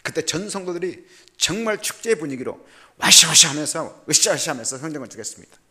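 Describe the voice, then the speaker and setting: Older man, preacher, bright edgy tone, animated and humorous, swings loud to soft. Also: fairly high pitch, quick pace. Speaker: missionary preacher. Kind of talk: sermon with personal stories.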